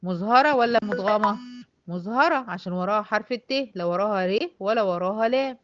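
A woman's voice: medium pitch, fast, no echo, muffled recording. Egyptian woman teaching a tajweed class. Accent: Egyptian Arabic. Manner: explains step by step, asks and answers her own questions, drawls out example words. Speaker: Quran recitation teacher.

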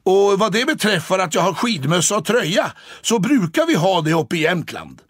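A man's voice: sits high, big pitch swings, husky, no echo, studio quality, voice pushed up, heavily acted. A man doing a cheerful, chatty tomcat. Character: cheerful young male ski-champion cat from the north. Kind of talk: audiobook character voice.

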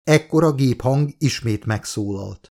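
A man reading his own novel aloud as an audiobook narrator. His voice sits at a middling pitch, and he tells the story in a steady, measured way.

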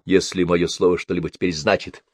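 A man's voice: sits low, little pitch movement, fairly quick, no room sound, studio quality. A male audiobook reader voicing a shamed young merchant's son in his twenties who pleads in a broken, tearful way. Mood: pleading. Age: 20s. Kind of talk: audiobook character voice.

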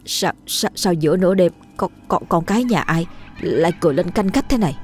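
A woman's voice: on the low side, lively intonation, brisk, darkish tone, faint music behind, lightly acted. Woman doing a stammering, terrified teen boy. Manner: stammering, panicky. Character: frightened teenage village boy, timid.

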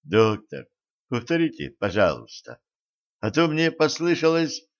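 A man voicing a panicky, indignant man who shouts and whines in disbelief, in a dull lo-fi recording. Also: mid-range voice, wildly swooping pitch, measured pace. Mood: whining, aghast. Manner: shouting, whining, outraged.

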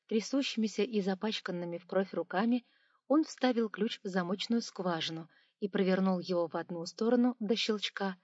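A woman narrating an audiobook in an expressive storytelling way. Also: mid-range voice, dry recording, lo-fi sound.

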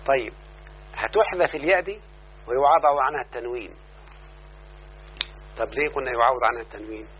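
Male grammar teacher, Egyptian accent, mid pitch, questions the class often; narrow tinny sound. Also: brisk, slight background noise. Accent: Egyptian Arabic. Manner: explains then checks the class with repeated questions.

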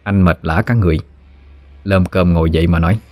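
A man with a Southern Vietnamese accent narrating a scripted horror story in a steady, measured way. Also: low voice, dry recording, soft background music.

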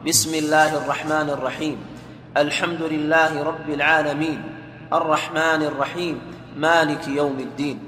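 A man reading a classical text aloud to his teacher in a steady, formal way. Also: a little high, moderate pace. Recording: echoey hall with faint noise.

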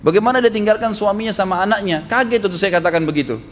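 A man's voice: sits high, racing, a little hiss or hum. A male Islamic preacher giving a stern, emphatic sermon. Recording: hall reverb with faint ambience.

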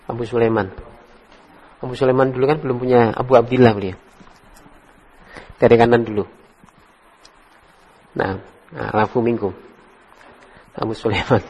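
A man teaching an Arabic class in a relaxed way, correcting his students. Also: mid-range voice, normal speed, pauses often, slightly rough. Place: study hall. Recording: dull echoey hall recording.

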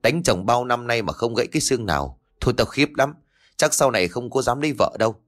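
A man voicing a mischievous young friend, teasing his buddy in a low, quick aside. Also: expressive, close to an everyday voice.

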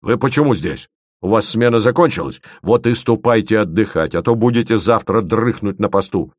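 A gruff, irritable official who barks orders and grumbles, as a narrator puts him on. His voice is very deep, and the sound is dry and close. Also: expressive, moderate pace, darkish tone, no echo. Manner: barking, grumbling. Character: gruff irritable middle-aged male official. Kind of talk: audiobook reading.

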